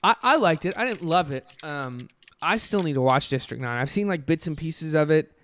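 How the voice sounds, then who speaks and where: A man's voice: a little high, animated, normal speed, a bit bright, a little hiss or hum. A young man co-hosting a podcast, chatting casually and rambling with enthusiasm through lots of fillers. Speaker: podcast co-host. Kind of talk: casual chat.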